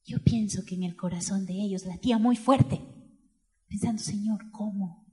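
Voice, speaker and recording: A woman preaching a sermon in church, telling a story and asking the congregation questions, moving between hushed and loud passages. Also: medium pitch, normal speed.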